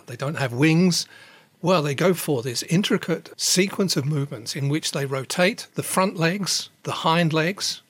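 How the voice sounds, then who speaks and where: A man giving measured expert explanations as an interviewed scientist. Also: fairly high pitch, a bit bright, breathy edge, dry recording.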